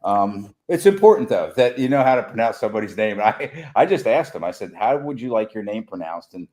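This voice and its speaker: A man's voice: fairly low pitch, big pitch swings, brisk, darkish tone. Chatty, joking podcast co-host man. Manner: joking, chatty, laughs often. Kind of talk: casual chat.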